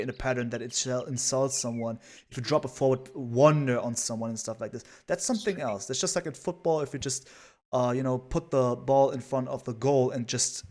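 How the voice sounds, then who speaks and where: A man's voice: medium pitch, a little mellow. A man casting a strategy game live, chatty and rambling with lots of fillers. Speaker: esports caster.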